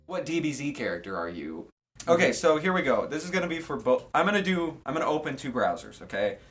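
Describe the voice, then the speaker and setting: A man's voice: a little high, very animated, fast talker, a bit bright, soft background music. A man co-hosting a podcast, reading quiz questions aloud and adding sarcastic asides in casual chat.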